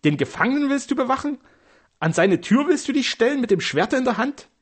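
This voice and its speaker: A man putting on a shrill anxious wife. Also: sing-song, brisk, slightly rough, full character voice. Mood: alarmed. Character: stout, anxious middle-aged wife.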